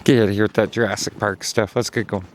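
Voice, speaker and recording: A man's voice: fairly low pitch, fairly even intonation, fast talker, slight background noise. A man narrating a casual hiking vlog outdoors on a snowy trail, chatty and at times out of breath. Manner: chatty, talking while hiking, sometimes out of breath. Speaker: vlogger.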